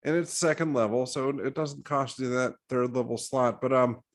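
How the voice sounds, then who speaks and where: A man co-hosting a casual game podcast, speaking haltingly with frequent restarts and self-deprecating asides. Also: mid-range voice, steady tone. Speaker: co-host.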